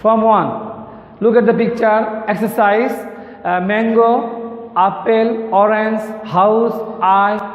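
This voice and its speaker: A male English teacher from Bangladesh giving an online grammar lesson, speaking slowly and patiently and repeating words for his students. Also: high voice, flat delivery. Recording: echoey room, dull lo-fi sound.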